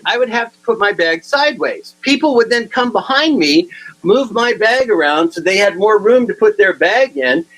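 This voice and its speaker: A man giving a humorous keynote talk, telling funny anecdotes in an animated way and chuckling at his own stories. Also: sits high, poor audio. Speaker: humor speaker. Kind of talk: comic keynote storytelling.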